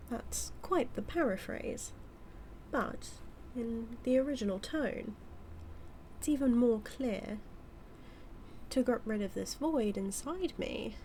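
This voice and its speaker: In a scripted audio roleplay, a British-accented woman plays a smug, manipulative evil magician who teases and taunts with deliberate, drawn-out phrasing. Her voice is fairly high with a darkish tone, and there's a little hiss or hum.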